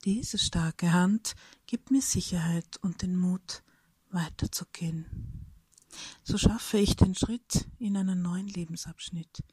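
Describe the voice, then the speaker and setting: A woman reading a reflective personal story aloud in a soft, breathy whisper, slowly and thoughtfully. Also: fairly low pitch, dry recording.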